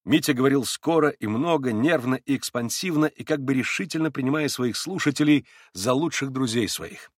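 A male audiobook narrator telling a classic novel in an even, steady manner. His voice is of middling pitch and recorded dry and close, with no room sound. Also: normal speed, hardly any pauses, no room sound. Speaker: audiobook reader.

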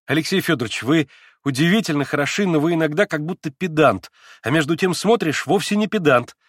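A man reading an audiobook, voicing an emotional, shy and teasing teenage girl who swings quickly between moods. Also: a little high, animated, dry recording, studio quality, voice pushed up.

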